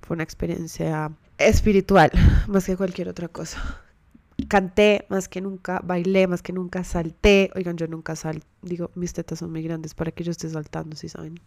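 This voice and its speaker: A woman's voice: lowish voice, little pitch movement, moderate pace, vocal fry, darkish tone, dry recording. A young woman hosting a podcast, telling a story in a candid, chatty way, with casual swearing, close to the microphone. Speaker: podcast host.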